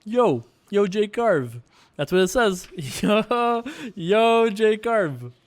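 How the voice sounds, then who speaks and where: Speaking extremely slowly in a high, expressive voice, an American-accented poker show host from Long Island, New York, rambles through viewer questions. He's casual and conversational, with "you know" cropping up frequently.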